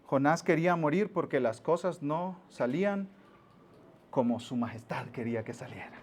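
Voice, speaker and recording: Animated pastor preaching. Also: male voice, on the high side, moderate pace, slight background noise. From Mexico. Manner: animated storyteller, acts out voices, drops to near-whisper for emphasis. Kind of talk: sermon.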